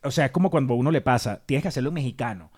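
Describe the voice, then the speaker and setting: Venezuelan man, mid-pitched voice, jokey host, casual chat. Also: animated, very fast, a little mellow. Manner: joking, acts out quoted reactions.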